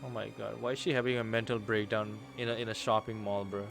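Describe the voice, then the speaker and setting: A young man streaming a game, reading the story aloud and reacting with casual swearing and loud outbursts. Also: fairly low pitch, level tone, fast talker, gravelly. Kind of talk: let's play commentary and reading aloud. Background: game music.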